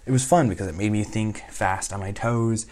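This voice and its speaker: Chatty, low-voiced man telling a story. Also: moderate pace. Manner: chatty, animated, laughs often, quotes people in voices. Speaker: vlogger recounting a trip. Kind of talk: casual storytelling monologue.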